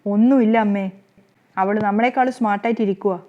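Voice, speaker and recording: A patient young husband and son, put on by a woman storyteller, placating and quick in a fairly high voice. The recording is a bit muffled. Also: fairly even intonation, lightly acted. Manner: quiet, placating.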